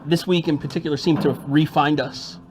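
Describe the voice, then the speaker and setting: A man co-hosting a game stream in relaxed, chatty talk. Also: fairly high pitch, fairly quick. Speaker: player and co-host. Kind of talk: casual chat.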